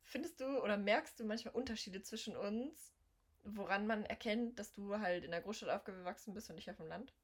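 Twenties woman, podcast co-host, mid-pitched voice, chatty and laughing between remarks. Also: a little fast, breathy edge. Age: 20s. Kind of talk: casual chat.

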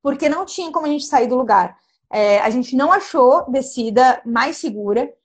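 A young woman telling a dramatic personal travel story in casual, animated chat. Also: high voice, normal speed, slightly rough. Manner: lively, animated, dramatic retelling with gestures.

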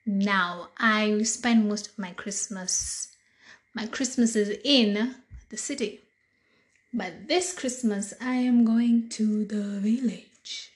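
Speaking alone on her own talk show, this podcast host is a woman in her thirties with a Kenyan accent and a medium-pitched voice that sounds a little hoarse this morning. Her casual monologue moves slowly and deliberately, chatty and relaxed, with frequent ums and uhs filling the pauses.

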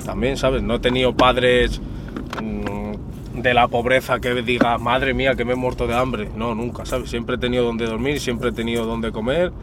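A man's voice: mid-range voice, moderate pace, noisy background. A young man from Spain, an interview guest chatting casually in a car, using lots of street slang and calling the host brother and cousin. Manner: relaxed street slang, says "hermano" and "primo" constantly.

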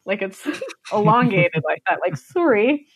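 A woman's voice: on the low side, animated, moderate pace, a bit bright. A young American woman from the United States, a podcast guest chatting casually, rambling with many fillers and frequent laughter. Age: young adult.

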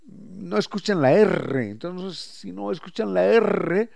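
A male host with a fairly high voice. He explains in an unhurried, professorial way and lingers on individual sounds and words as he spells them out. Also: expressive, vocal fry, a little mellow. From Ecuador. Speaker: radio host. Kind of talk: explanatory talk-show chat.

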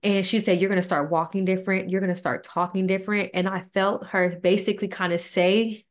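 A woman's voice: medium pitch, brisk. A woman, a podcast co-host telling a personal story in casual, earnest speech and acting out the dialogue. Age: 20s. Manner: earnest, animated retelling with quoted dialogue.

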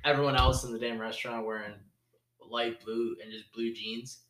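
A man's voice: medium pitch, little pitch movement, moderate pace, a bit bright. A young man co-hosting a podcast, chiming in casually on shared stories. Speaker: podcast co-host. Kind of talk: casual chat. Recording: echoey room.

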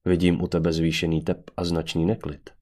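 A man's voice: sits low, level tone, darkish tone, close to an everyday voice. A man voicing a literal-minded, matter-of-fact woman in a fantasy audiobook.

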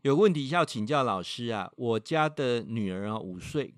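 A man with a Taiwanese Mandarin accent, a professor on a livestream, reading out a viewer's letter with animated storytelling and acting out its voices. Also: medium pitch, moderate pace, no echo, studio quality.

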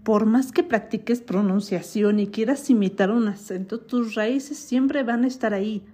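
Husky Mexican woman hosting a podcast. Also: a little high, normal speed, dark tone. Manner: chatty, opinionated, laughs at herself. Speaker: podcast host. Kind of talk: casual podcast commentary.

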